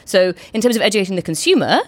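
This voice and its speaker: Woman, podcast host. Quick, lively, low-pitched, dry studio mic. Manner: chatty, quick, lots of restarts. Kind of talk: casual panel discussion.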